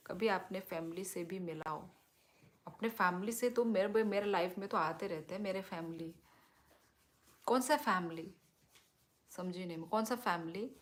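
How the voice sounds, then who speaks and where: A woman hosting a casual live stream, chatting with viewers and answering comments in a relaxed, easygoing way, mixing in English words. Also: fairly low pitch. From Northeast India.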